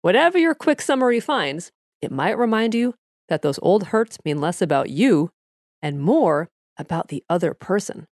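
Lady podcast host reading advice tips, explains stuff conversationally, pitch moves around a lot, really dry recording. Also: big pitch swings, moderate pace, darkish tone, no echo. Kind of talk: scripted advice narration.

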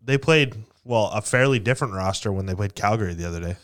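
A man's voice: lowish voice, animated, fast talker, a bit bright, clear, resonant tone. A man co-hosting a casual sports podcast, often restarting his sentences and chiming in with short reactions. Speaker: podcast co-host.

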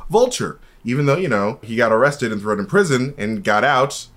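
Male co-host, casual chat, animated pitch, laughs a lot, riffs jokes. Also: moderate pace. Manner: jokey, laughs often, lively delivery. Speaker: podcast co-host.

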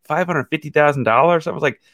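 A man's voice: on the high side, fast talker, fairly bright tone, no echo, studio quality. A man giving casual, discursive sports analysis as a podcast guest in a conversational way.

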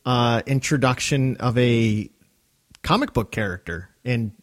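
A man hosting a podcast in casual chat, relaxed and easygoing, with many fillers. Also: mid-range voice, unhurried. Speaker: podcast host.

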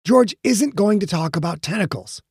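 A man's voice: sits high, animated, normal speed, darkish tone, husky, no echo, studio quality, pitched above the performer's own voice, exaggerated voice. A man voicing a mild, patient young groom.

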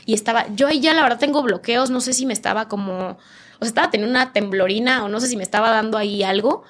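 A podcast guest with a northern Mexican accent tells an emotional personal story vividly, acting out the people in it by changing her voice for their quoted lines. She speaks quickly, her voice fairly high and a bit bright.

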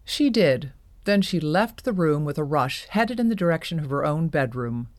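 A woman narrating an audio drama in a measured storytelling manner. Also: low voice, lively intonation, no room sound.

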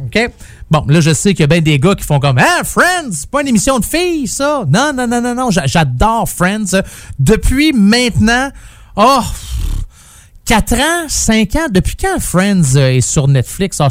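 A man hosts a rock radio show, talking in a loose, joking, rambling way full of fillers. His voice sits high for a man. It is recorded dry and close on a studio mic. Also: dry recording. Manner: chatty, jokey, rambling with many fillers. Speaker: morning radio host. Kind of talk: casual radio show patter.

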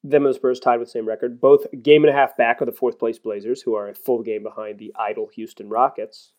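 A man hosting a basketball podcast, talking in a chatty, self-deprecating way with animated emphasis, and reading an ad. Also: mid-range voice, fast talker. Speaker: podcast host. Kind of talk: sports podcast commentary and ad read.

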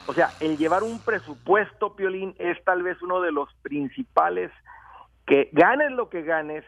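A man's voice: high voice, animated, measured pace, gravelly, fairly bright tone, no echo. A man giving money advice on a radio show, friendly with stumbling restarts. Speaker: financial expert guest.

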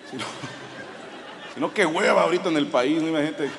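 Mexican man, mexican accent, stand-up comedian, profane and animated, high voice, live hall with audience and noise. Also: normal speed, vocal fry, some chatter behind. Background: audience laughter and murmur.

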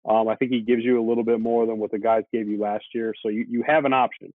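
A man's voice: fairly low pitch, flat delivery, fast, no room sound. A man from the Syracuse area, a sports reporter guesting on a podcast, talking in an easygoing way with a lot of hedging fillers. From Syracuse, New York area, USA. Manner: easygoing, talks it through with many hedging fillers. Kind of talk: casual podcast chat. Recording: tinny phone-line audio, dry.

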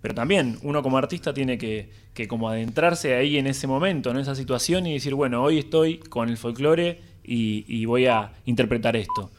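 A man hosts a studio radio interview, speaking in a middle pitch. He hedges and hesitates, filling gaps with short affirmations. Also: normal speed, few pauses. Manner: hesitant, many fillers and affirmations. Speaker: radio host. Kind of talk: casual interview.

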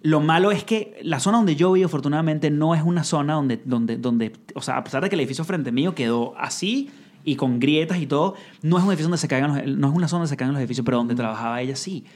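A man with a Venezuelan accent, a singer guest on a podcast, telling a story in animated casual chat full of swearing. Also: a little high, fast.

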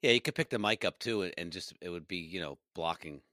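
Upbeat, teasing low-voiced man. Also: quick pace, bright, forceful tone, no room sound, clean studio sound. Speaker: podcast co-host. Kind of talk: casual chat.

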